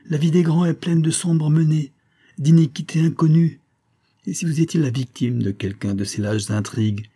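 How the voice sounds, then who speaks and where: A man's voice: medium pitch, mellow, breathy edge. A man reading the lines of an ardent young officer in an urgent, impassioned way. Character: ardent young male officer, passionate suitor.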